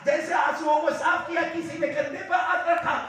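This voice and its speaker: Preach this as a man with a very high voice, telling the story with passion, sinking low and hushed and then climbing to full shouts, stopping now and then to quiz the listeners. Stand well back from the mic in a hugely echoing hall. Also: fairly even intonation, normal speed, faint music behind, a faint crowd. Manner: impassioned, swings from hushed to shouting, quizzes the audience. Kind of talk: storytelling sermon. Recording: very echoey hall, voice from far off.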